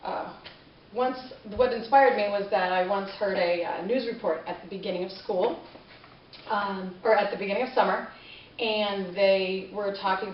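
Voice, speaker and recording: A woman's voice: medium pitch, a little hiss or hum. A woman makes a persuasive speech in a classroom in a casual, talky way and keeps asking her listeners questions. She sounds as if she stands some way back from the camera. The room echoes, and the sound is dull and muffled. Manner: conversational, with rhetorical questions. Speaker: parent giving a class speech. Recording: distant, roomy, dull classroom recording.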